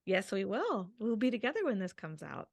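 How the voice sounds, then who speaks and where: A woman's voice: medium pitch, big pitch swings, moderate pace, dry recording, studio quality. A young adult woman co-hosting a podcast with her mother, chatting casually and laughing often over a video call. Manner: giggly, chatty. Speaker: podcast co-host. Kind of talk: casual chat.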